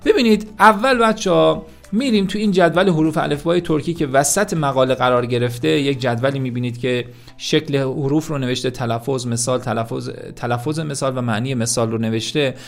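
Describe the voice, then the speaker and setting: A man's voice: medium pitch, creaky. A man teaching a language lesson with lots of energy, talking to his students directly and repeating key words for emphasis.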